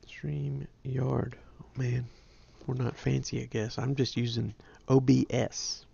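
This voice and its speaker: A man's voice: medium pitch, little pitch movement, a little slow, gravelly, dark tone, breathy edge, dull audio. A man, hosting a ham radio livestream in a casual, rambling, self-deprecating way. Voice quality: nasal. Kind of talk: casual chat.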